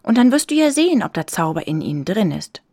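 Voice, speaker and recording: A woman's voice: mid-range voice, very animated, quick pace, warm tone, no room sound. A woman voicing a kind, eager little girl in a children's story.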